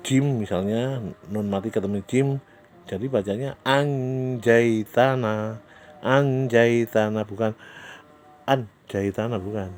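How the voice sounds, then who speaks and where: A man teaching Quran recitation rules, explaining slowly with hesitations and drawing out the recited example words. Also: fairly low pitch, dark tone, a little hiss or hum. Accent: Indonesian. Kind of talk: tajwid lesson with recited examples.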